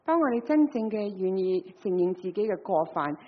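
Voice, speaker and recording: A woman's voice: medium pitch, lively intonation, moderate pace. A woman with a Cantonese accent interpreting a sermon phrase by phrase, with frequent filler particles. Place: church hall. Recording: dull recording in a reverberant hall.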